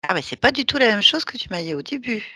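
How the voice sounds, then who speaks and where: A woman's voice: fairly high pitch, very animated, quick pace, pushed and bright, husky, no echo, studio quality. A woman leading a hypnosis session, giving firm, teasing commands.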